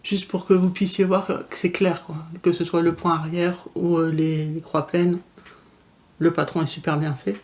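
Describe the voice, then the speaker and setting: A woman's voice: fairly low pitch, little pitch movement, normal speed, a little mellow, slight background noise. A woman vlogger showing her cross-stitch kits in a casual, chatty way, with frequent fillers and restarts. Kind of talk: casual show-and-tell chat.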